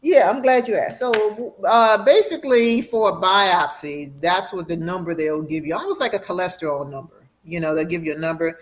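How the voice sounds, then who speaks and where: A middle-aged woman speaks as a guest doctor in an interview, explaining clearly and patiently. She slows down to drive home important points and sometimes laughs as she talks. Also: lowish voice. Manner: warm, explanatory, slows for emphasis. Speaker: radiation oncologist guest. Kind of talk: educational interview.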